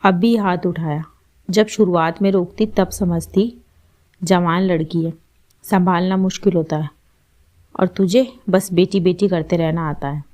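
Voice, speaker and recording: A woman's voice: fairly low pitch, fairly even intonation, unhurried, natural voice. Woman reading as a taunting old mother-in-law. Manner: taunting, sharp-tongued. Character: stern scolding older mother-in-law.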